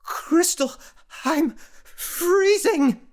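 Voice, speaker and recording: A man's voice: medium pitch, a little slow, close to an everyday voice. A shaken eighteen-year-old boy from an audiobook, voiced by a male narrator. He speaks in strained, trembling bursts between gasps.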